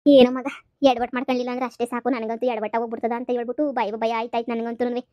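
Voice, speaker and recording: A woman's voice: fairly high pitch, level tone, racing, dry recording, lo-fi sound, close to an everyday voice. A woman voicing a blunt, dismissive middle-aged mother of the groom in a cartoon comedy. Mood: worried. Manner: firm, dismissive.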